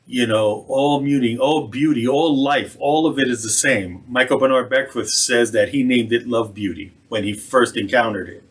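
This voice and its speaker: A man, a reverend, giving a conversational sermon and slowing down on key phrases. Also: medium pitch, breathy edge. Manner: conversational, slows for emphasis.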